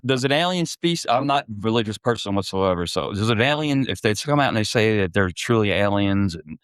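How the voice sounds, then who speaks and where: A man co-hosting a podcast who asks curious questions, agrees quickly, and chuckles often in casual chat. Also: fairly low pitch, expressive, a bit bright, smooth, dry recording. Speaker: podcast co-host.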